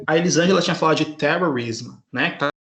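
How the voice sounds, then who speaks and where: A man's voice: fairly high pitch, quick pace, fairly bright tone, roomy sound. Patient male teacher on a video call. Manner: patient, checks in constantly with students. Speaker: English teacher. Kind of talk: online class lesson.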